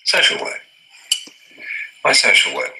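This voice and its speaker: A man's voice: unhurried, pushed and bright, low-quality recording. An actor playing a dry, teasing older doctor father in a television drama dinner scene. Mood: wry.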